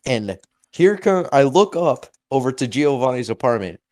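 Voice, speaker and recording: A young adult man telling a story in a casual podcast chat, animated and acting out the people in it. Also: mid-range voice, moderate pace. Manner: animated, acts out voices in anecdotes. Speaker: podcast co-host.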